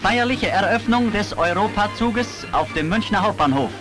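A man's voice: sits high, expressive, moderate pace, over music. A man announcing in an old newsreel, with a formal, ceremonious narration style. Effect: old newsreel soundtrack.

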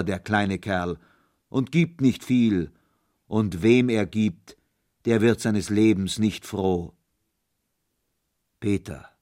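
A man voicing a giant, menacing forest spirit who talks loud and booming in a storybook reading. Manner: loud, booming, coaxing then threatening.

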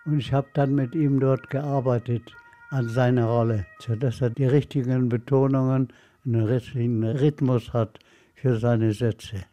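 A man in his nineties, a former film dialogue coach, talks in a slow, reflective way in a radio interview. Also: mid-range voice, fairly even intonation, mellow. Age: 90s. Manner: slow, unhurried, reflective storytelling.

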